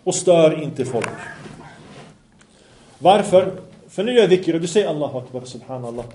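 A man teaching an Islamic study lesson in a fairly high but mellow, warm voice. He recites Arabic passages, translates and explains them, and quizzes his listeners. The recording sounds echoey and roomy. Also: animated, slight background noise. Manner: asks the listeners questions. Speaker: religious teacher. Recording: echoey room.

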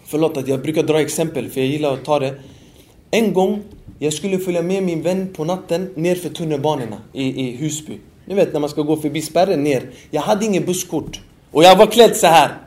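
A man giving a religious lecture, speaking with passion that swings from quiet talk to shouting. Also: fairly high pitch. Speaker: preacher.

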